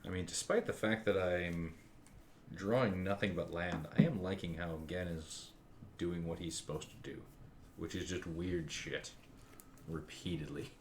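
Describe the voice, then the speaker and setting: A man with a lowish voice banters wryly at a card table, needling the other players in an offhand way. His remarks come out loose and joking. The room is echoey, with a faint hum of background noise. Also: unhurried. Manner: teasing, wry, offhand swearing. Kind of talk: casual game-night banter.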